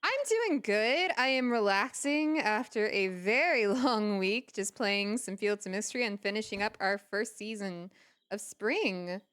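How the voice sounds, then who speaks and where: A woman's voice: medium pitch, a little slow, fairly bright tone, clear, resonant tone. A woman livestreamer with a bubbly, gushing manner, chatting casually during a cozy game stream. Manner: bubbly, gushing when thanking viewers.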